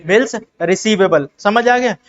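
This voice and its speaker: Here the recording is muffled and the man's voice high-pitched. Teaching accounting the way a classroom instructor would, this speaker from India repeats the key terms, asks students questions only to answer them himself, and slips into other voices for brief acted-out exchanges.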